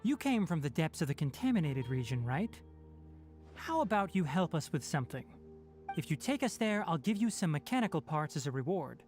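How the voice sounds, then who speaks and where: A young forest watcher from a video game, speaks in a measured, businesslike way. His intonation moves around expressively while staying analytical and exact. Game music plays softly underneath. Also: fairly high pitch, sing-song. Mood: thoughtful. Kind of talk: scripted video game dialogue.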